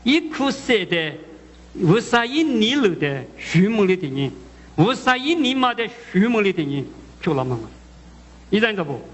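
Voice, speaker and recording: High-voiced man preaching in an echoing hall. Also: sing-song. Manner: halting, repeats words, asks the listeners questions. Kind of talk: sermon. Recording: muffled audio with long hall echo.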